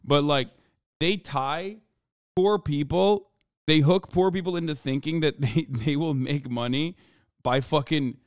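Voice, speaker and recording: A man's voice: fairly high pitch, measured pace, no echo, studio quality. A man streaming and reacting to a clip, heated and profane, now and then checking himself. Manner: heated, profane, self-correcting. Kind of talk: casual commentary.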